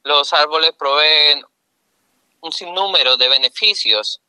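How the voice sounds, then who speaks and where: A middle-aged man with a Chilean accent, a guest answering interview questions in an earnest, explanatory way with pauses mid-phrase. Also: fairly high pitch, pushed and bright, clear, resonant tone, no room sound, rough recording. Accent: Chilean Spanish.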